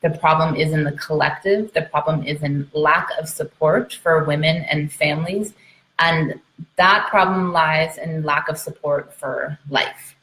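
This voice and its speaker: Emphatic and informal, a woman who works as a midwife and trainer teaches an online audience, going back over key points and checking in as she goes. She has a deep, fairly bright voice, captured with roomy, echoey sound.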